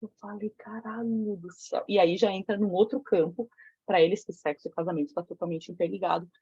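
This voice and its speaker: A Brazilian woman leads a women's circle, speaking in a mellow, husky voice and telling a candid story. She talks frankly and profanely, full of slang. The recording is dull and lo-fi. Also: fairly low pitch, fairly even intonation, quick pace, dry recording. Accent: Brazilian Portuguese. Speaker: women's tantra circle facilitator. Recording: dull lo-fi sound.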